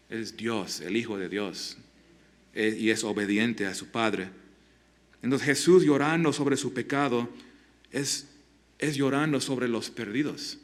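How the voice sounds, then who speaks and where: A man preaching a sermon as pastor, earnest and halting, often restarting his words and asking the listeners direct questions. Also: medium pitch. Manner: asks the congregation direct questions.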